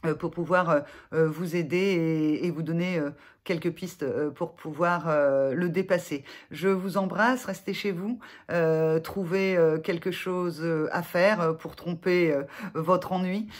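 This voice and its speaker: Halting, gentle woman therapist. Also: fairly low pitch, steady tone. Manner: halting, frequent filler sounds and restarts; gentle, reassuring address to viewers. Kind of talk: self-help advice vlog to camera.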